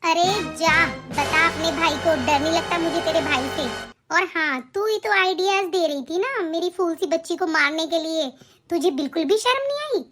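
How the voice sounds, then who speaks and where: A woman voicing a wronged young wife and mother in an animated cartoon, defiant and aggrieved. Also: very high-pitched, normal speed, soft background music.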